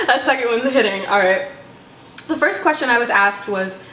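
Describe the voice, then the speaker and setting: A woman's voice: fairly high pitch, animated, normal speed, pushed and bright. An American woman chatting casually to camera and swearing, her mouth burning from spicy food. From Illinois, United States. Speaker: YouTuber host. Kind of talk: casual chat to camera during a food challenge Q&A. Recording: echoey room, light background noise.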